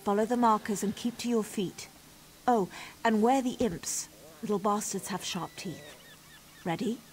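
A woman's voice: mid-range voice, a little slow, a little mellow, soft background music, lightly acted, rough recording. An actress playing a brusque, matter-of-fact female officer who runs a race trial. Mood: brisk.

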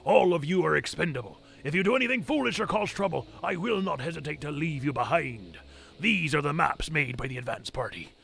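A man voicing a gruff, bossy pirate captain in a commanding old fisherman manner for a video game. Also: fairly high pitch, animated, brisk, a bit bright, full character voice. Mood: stern, commanding.

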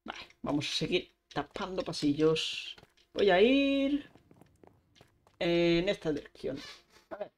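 A young woman chats slowly through her gameplay, narrating each move with playful sound effects. Her voice sits a little low for a woman. A faint hiss and clicks run under her talk. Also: sing-song. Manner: chatty, narrates every action with sound effects. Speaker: streamer. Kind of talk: live gameplay commentary. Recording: faint background noise with clicks.

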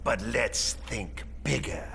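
A man's voice: medium pitch, slow, gravelly. An actor playing a gleeful, theatrical madman villain in a video game, mocking and grandiose. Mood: grandiose, manic. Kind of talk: video game cutscene acting. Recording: loud music under the voice.

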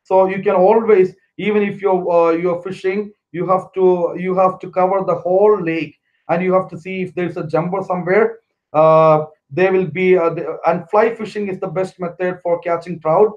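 A fairly high-pitched man speaks in a flat, even tone, pausing often with "uh" and restarting his sentences. He is a middle-aged vlogger from India, giving casual fishing advice from a small living room. The camera mic gives a slightly dull, lo-fi sound. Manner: halting, many fillers and restarts, gestures with hands. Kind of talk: casual how-to talk to camera.

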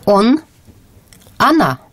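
A woman as pronunciation model, giving slow, carefully articulated demonstrations of sounds for a language lesson. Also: fairly high pitch, big pitch swings, a bit bright, no room sound.

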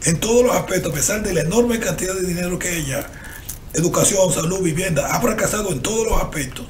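A man's voice: high voice, fast talker, reverberant. An older man, arguing animatedly with rhetorical questions on a TV panel show, recorded on a desk mic in a studio with faint hiss. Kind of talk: TV panel discussion. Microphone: desk microphone.

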